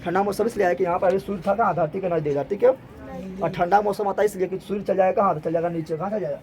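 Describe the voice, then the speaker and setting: Fast, high-voiced teacher. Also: male voice, a little hiss or hum. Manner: animated, repetitive questioning, colloquial Hindi with regional forms. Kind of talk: classroom lecture with call-and-response.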